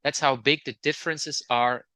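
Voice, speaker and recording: A man with a Flemish accent and a bright, forceful voice talks in a casual, explanatory way. He is a native Dutch speaker who often hesitates and repeats words as he goes. The recording is dry and close. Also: medium pitch, fairly even intonation, normal speed, no room sound. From Belgium, near the Dutch border. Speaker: interview guest.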